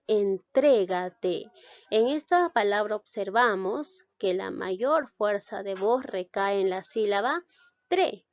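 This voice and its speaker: A woman's voice: medium pitch, no echo, highs cut off. A woman teacher giving a spoken grammar lesson, stressing syllables and asking the class questions as she goes.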